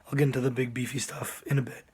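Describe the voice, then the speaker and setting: A man with a hoarse, sick voice that is giving out gives casual commentary as a game reviewer, often clearing his throat. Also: medium pitch, flat delivery, quick pace, a little mellow.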